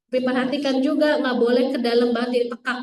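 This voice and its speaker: A woman's voice: high-pitched, steady tone, fast talker. A woman teaching a Quran recitation class, demonstrating letter sounds over and over and asking the students questions. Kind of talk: classroom tajwid lesson. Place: classroom with some students online. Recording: echoey room, mic at a distance.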